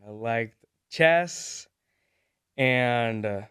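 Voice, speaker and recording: Smooth-voiced young man, hesitant. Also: mid-range voice, expressive, drawn-out words, fairly bright tone. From Venezuela. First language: Spanish. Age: 20s. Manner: hesitant, many fillers, laughs easily. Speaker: guest. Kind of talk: casual interview talk.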